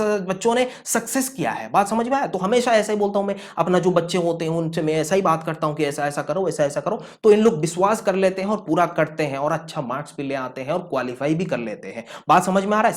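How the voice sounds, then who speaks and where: A man who teaches physics at a coaching centre, earnestly giving exam tips to students, often checking they understand and mixing in English phrases. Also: sits high. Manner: earnest, keeps checking understanding and calling listeners 'kids'; mixes English phrases into speech.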